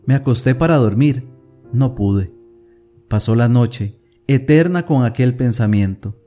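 A man's voice: mid-range voice, measured pace, dark tone, soft background music, lightly acted. A man reading as an obsessed, tormented young woman. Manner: feverish, brooding monologue. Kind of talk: audiobook reading of a classic tale.

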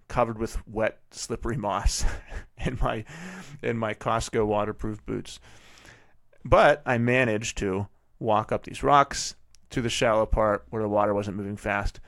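A man hosting a podcast, telling a family story in a vivid, animated way with frequent restarts. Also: fairly low pitch, no echo, clean studio sound. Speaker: podcast host and father. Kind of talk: casual storytelling monologue.

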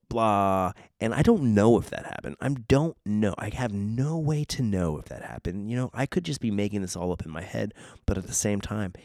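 A man's voice: on the low side, a little mellow, no room sound, clean studio sound. A man from Southern California with a Southern Californian accent, rambling wryly through a casual podcast monologue and repeating phrases. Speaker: podcast host.

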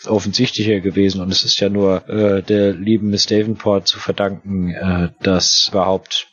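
A man playing a Victorian police detective inspector who talks haltingly, with many fillers and restarts. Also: sits low, little pitch movement, a bit bright, slightly rough, lo-fi sound. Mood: earnest.

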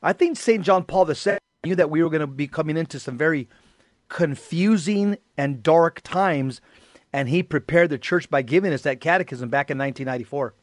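A man's voice: fairly high pitch, brisk, no room sound, studio quality. A man co-hosting a talk show, explaining his point earnestly with some fillers. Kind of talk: casual talk show chat.

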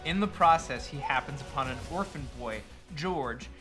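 A man's voice: fairly high pitch, expressive, normal speed, a bit bright, soft background music. A man hosting a podcast, telling a story in a partly scripted, casual, irreverent and emphatic way, with some swearing. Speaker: podcast host.

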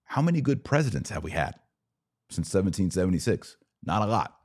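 An American podcast host delivers emphatic, opinionated live commentary on politics and religion in short, clipped phrases. His voice sits low and dark, moving a little fast with a sing-song lilt.

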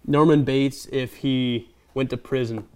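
Smooth-voiced man joking about movies. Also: medium pitch, fairly even intonation, measured pace. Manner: rambling, joking, acts out quotes. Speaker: podcast co-host. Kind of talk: casual movie chat.

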